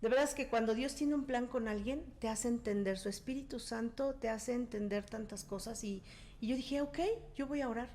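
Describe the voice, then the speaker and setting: As a guest giving a casual testimony, a woman with a higher-pitched voice tells a personal story at normal speed. She's an animated storyteller who acts out the quoted dialogue, with slight background noise present.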